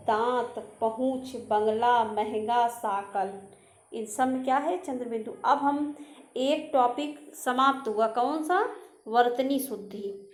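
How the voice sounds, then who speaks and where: A woman with a slightly high voice teaches an exam-prep spelling lesson, going very slowly and pausing over each word. She sets the wrong form against the right one and says the right one again. The echo of the room carries her voice. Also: darkish tone. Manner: drills word pairs, correcting wrong forms; slow and deliberate, repeating each word. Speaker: Hindi teacher.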